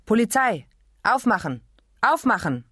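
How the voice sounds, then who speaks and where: A woman's voice: mid-range voice, expressive, moderate pace, dry recording, studio quality, close to an everyday voice. A woman reading an audiobook, voicing a harsh male policeman who bellows commands at a door. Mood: shouting. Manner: barking loud commands. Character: shouting male French policeman, harsh, brutal.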